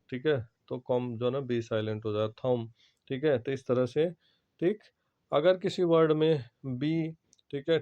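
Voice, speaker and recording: A man's voice: medium pitch, mellow, muffled recording. A man teaching English spelling rules to students, explaining step by step and checking in again and again. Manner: repeats "ठीक है" and "जो है ना" constantly, explains step by step. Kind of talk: classroom lesson to students.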